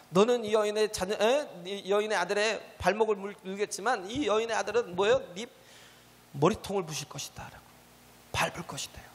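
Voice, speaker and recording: A male pastor preaching a sermon, often asking the congregation rhetorical questions and calling out hallelujahs. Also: extremely high pitch. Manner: punctuates with shouted hallelujahs. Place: church sanctuary. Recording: church hall reverb.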